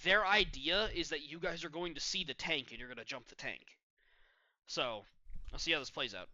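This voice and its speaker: A man's voice: fairly high pitch, normal speed, pushed and bright, dry recording, dull audio. A young man with the hiccups, coaching a team through a match replay and calling out plays. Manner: instructive, analytical, calls out plays as they happen. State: has the hiccups. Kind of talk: live game review commentary.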